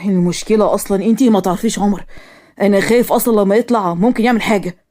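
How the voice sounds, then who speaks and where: A woman putting on a courteous young Egyptian man with a lowered, gentle voice. He pleads his case earnestly and respectfully, a calm go-between in a cartoon story. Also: racing, natural voice. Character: polite, wealthy young man, calm mediator.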